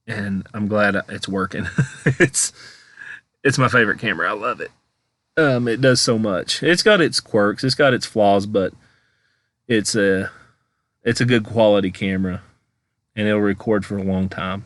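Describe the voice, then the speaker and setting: A man giving casual, halting director's-cut commentary over his own investigation footage, rambling and thinking aloud as a vlogger does. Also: fairly low pitch, fairly bright tone, no echo.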